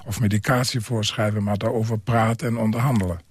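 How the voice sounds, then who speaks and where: Older man, low husky voice, halting. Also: steady tone. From Germany. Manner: hesitant, halting with many pauses and fillers. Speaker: psychiatric care worker and author. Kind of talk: radio interview.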